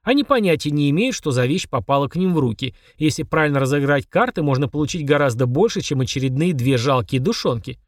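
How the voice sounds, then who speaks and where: Lively, expressive male audiobook narrator. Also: on the high side, quick pace, few pauses, no echo, clean studio sound. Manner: expressive, wry storytelling. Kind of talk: scripted narration.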